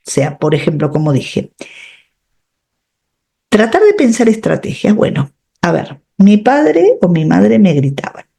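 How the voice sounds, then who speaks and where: Slow, lively-pitched woman coach. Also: vocal fry. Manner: reflective, explains step by step, frequent tag questions. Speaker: radio host and coach. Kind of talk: advice talk on personal growth.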